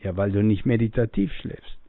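A man's voice: fairly low pitch, animated, moderate pace, gravelly, no echo. A man giving a spiritual teaching in a musing way, acting out the voices of the people he quotes and breathing audibly as he talks. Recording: tinny phone-like audio, dry.

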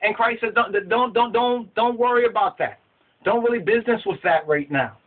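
A middle-aged man teaching scripture to a webcam in a small room, animated and gesturing, often repeating words as he searches for the next one. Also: very high voice, moderate pace. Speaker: religious teacher. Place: small indoor room with whiteboard. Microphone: webcam at desk. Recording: tinny phone-like webcam audio.

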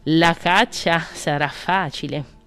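A woman's voice: sits low, takes it slowly, a bit bright, smooth, faint music behind, full character voice. A woman voicing a hungry, sly fox in a children's storybook reading, with a grumbling manner.

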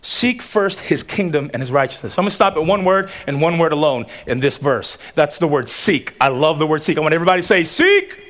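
Under an outdoor tent stage at a graduation, a Tongan commencement speaker whose first language is Tongan delivers a lively sermon. His voice is on the high side and a little fast, with few pauses. He is animated and joking, drawing call-and-response from the audience.

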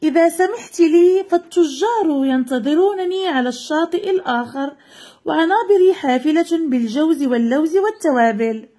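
A woman's voice: high voice, normal speed, mellow, natural voice. A woman reading the lines of a polite merchant boat in a children's story. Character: obliging merchant boat carrying spices.

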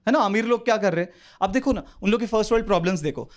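A young man with a Mumbai Hindi accent doing an animated stand-up set on a club stage, swinging his voice into quick street characters. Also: sits high. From India. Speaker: stand-up comedian. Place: comedy club stage with live audience. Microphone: handheld stage mic. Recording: live club recording with audience laughter.

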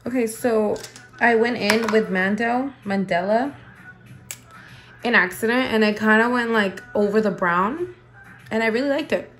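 A woman's voice: fairly high pitch, unhurried, a bit bright, faint music behind. A young woman talking casually and playfully to the camera, and partly to herself, as she applies makeup. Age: young adult. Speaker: beauty vlogger. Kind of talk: casual get-ready-with-me chat while doing makeup. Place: indoor room at home.

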